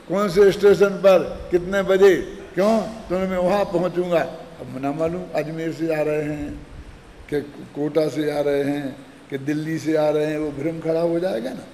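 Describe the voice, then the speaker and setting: A man's voice: high voice, mellow, in a large hall, low-quality recording. An older man giving a scripture discourse as lecturer, explaining with repeated everyday examples and rhetorical checks.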